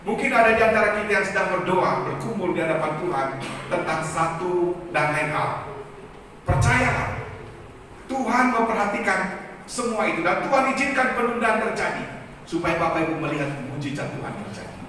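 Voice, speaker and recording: A man's voice: sits high, lively intonation, fairly quick, bright, forceful tone, slight background noise. A man preaching a fervent sermon as pastor, often addressing the congregation directly. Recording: echoey hall, from far off.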